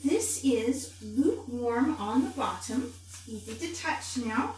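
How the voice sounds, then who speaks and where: Slow and a little mellow, with a fairly high, expressive pitch, the middle-aged cooking host stays in character as Mrs. Claus, giving a chatty, grandmotherly storybook-style recipe demonstration to camera. The home kitchen recording sounds very echoey, with a faraway mic and faint room noise.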